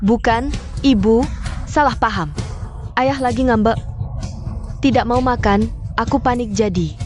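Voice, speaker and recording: A scheming young daughter voiced by a woman speaks in a slightly high, sugary, coaxing tone that curdles into cold mockery. Faint music plays under the dubbed drama. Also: measured pace, a little mellow, lightly acted. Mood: pleading. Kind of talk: dubbed mini-drama acting.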